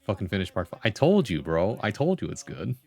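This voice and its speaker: Low-voiced man chatting casually on a livestream. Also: very animated, a little fast, gravelly, a little mellow. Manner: slangy, conversational, full of "like" and "bro". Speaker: livestream host. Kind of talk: casual chat with viewers, reading comments aloud.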